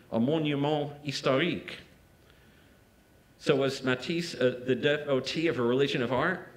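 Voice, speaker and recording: A man reading an art-history lecture aloud at a museum. His pitch sits in the middle range for a man. He speaks in a measured way and now and then stops to correct himself or add a quick aside. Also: fairly bright tone, rough recording. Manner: measured, with small restarts and asides.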